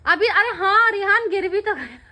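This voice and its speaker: Very high, bright-voiced chatty woman vlogger. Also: lively intonation, moderate pace. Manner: chatty, teasing, addresses viewers directly. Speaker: family vlogger. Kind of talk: casual family vlog chat.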